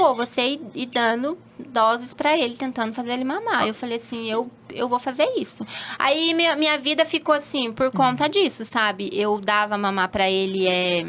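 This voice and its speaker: A woman in her thirties, a holistic therapist as an interview guest, telling a personal story and acting out what people said with sudden high exclamations. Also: a bit bright, slight background noise. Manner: acts out quoted speech with sudden high exclamations.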